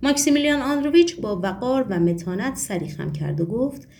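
A woman reading a novel aloud with lively, expressive intonation. Her voice is mellow and soft-toned, with a measured storytelling delivery. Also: on the high side, gravelly, a little hiss or hum. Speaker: audiobook narrator. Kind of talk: scripted audiobook narration.

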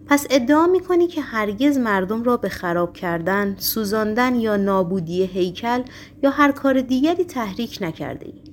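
A woman's voice: a little high, expressive, slight background noise, pitched above the performer's own voice, close to an everyday voice. A woman reading the part of a stern middle-aged male Roman governor, with a harsh, broken voice and cold, mocking questions. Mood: sharp.

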